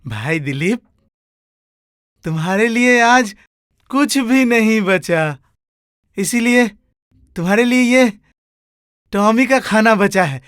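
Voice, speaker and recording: An actor playing a mocking, bossy elder brother in a Hindi film drama. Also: male voice, sits high, expressive, slow, long pauses, a bit bright, clean tone, no echo, studio quality, heavily acted. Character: scheming elder brother, mocking servant-loving master.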